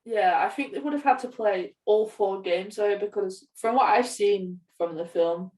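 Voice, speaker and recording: This podcast co-host has a medium-pitched, somewhat dark voice and speaks at a normal speed. She chats conversationally about films and games, recorded from a distance in a room with echo.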